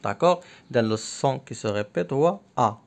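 A man teaches young pupils a workbook lesson, reading every word twice, slowly and clearly, before explaining the instructions again in Arabic. His voice is medium-pitched and animated.

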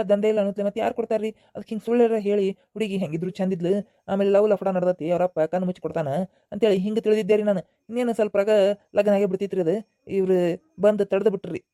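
A man's voice: high-pitched, mellow, no room sound, clean studio sound, lightly acted. A man voicing a young jobless groom caught lying, pleading and rambling politely in a North Karnataka accent. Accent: North Karnataka Kannada.

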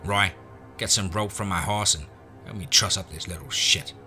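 A man's voice: low-pitched, moderate pace, bright, forceful tone, soft background music. A man voicing a menacing, sardonic cowboy gunslinger who growls threats in a western horror story. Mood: commanding.

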